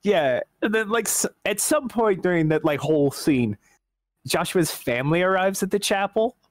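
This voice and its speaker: A man's voice: sits high, lively intonation, normal speed, no room sound, studio quality. A man co-hosting a podcast, casually recapping a movie with some hesitant, chuckling remarks. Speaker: podcast co-host.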